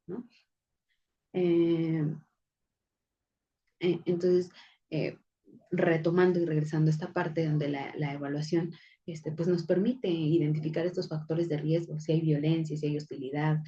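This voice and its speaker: Here a woman's low, mellow voice carries a psychology class lecture, told conversationally with lots of fillers and false starts. It's a recorded lecture sprinkled with anecdotes, captured on a dull, lo-fi recording.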